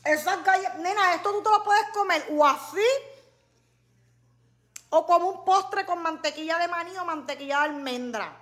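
A woman hosting a casual live stream, chatting lively with her viewers and calling them nena. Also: very high voice, normal speed.

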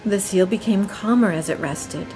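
A woman narrating a nature documentary in a calm, measured and gentle way. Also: medium pitch, faint music behind.

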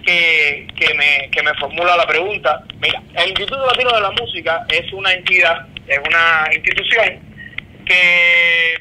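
A man's voice: a little high, fairly even intonation, moderate pace, pushed and bright. A middle-aged man from Cuba with a Cuban accent, a guest answering interview questions over a video call, hesitant with many fillers. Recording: noisy call line.

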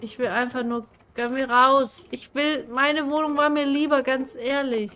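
A woman's voice: sits high, fairly even intonation, measured pace, bright, forceful tone. A young woman giving casual commentary on a horror game she is playing, jumpy and swearing, screaming at the scares. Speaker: gaming streamer.

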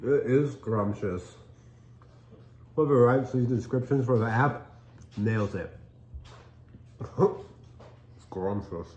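Chatty dad tasting cookies. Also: male voice, mid-range voice, slow, pauses often, darkish tone. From United States. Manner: chatty, upbeat, chewing and tasting between lines. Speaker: dad co-hosting a cookie review. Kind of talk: casual chat. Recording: echoey room, dull lo-fi sound.

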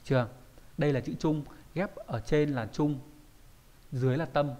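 A man's voice: fairly high pitch, moderate pace, mellow. A man teaching a kanji lesson, explaining patiently and often checking that listeners follow.

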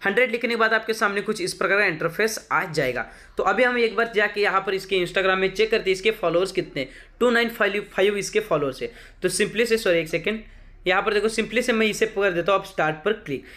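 High-voiced man walking through app steps. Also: fairly quick, bright, forceful tone. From India. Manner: chatty, repetitive step-by-step instructions. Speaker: tech tutorial youtuber. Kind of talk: screen-recorded how-to walkthrough.

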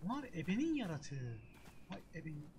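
Woman gamer, chatty self-talk, swears, pitch leaps around, noisy recording. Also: very animated, normal speed, mellow. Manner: talks to herself, swears and jokes, yelps at hits. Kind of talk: casual let's-play commentary.

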